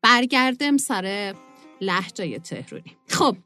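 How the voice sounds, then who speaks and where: A woman hosting a radio talk show, chatting in a lively, playful way from the studio. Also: medium pitch, no echo, faint music behind. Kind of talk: casual radio chat.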